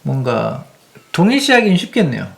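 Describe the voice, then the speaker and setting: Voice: medium pitch, sing-song, brisk, vocal fry, a loud crowd. A co-host in a casual podcast discussion who chats freely, brings up TV examples, and drops wry asides.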